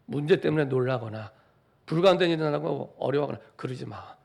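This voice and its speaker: A man's voice: mid-range voice, fairly quick, creaky, a little mellow. A middle-aged man, a pastor, giving a Sunday sermon in a church, repeating phrases for emphasis and asking the congregation rhetorical questions. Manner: repetitive, building emphasis. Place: church sanctuary.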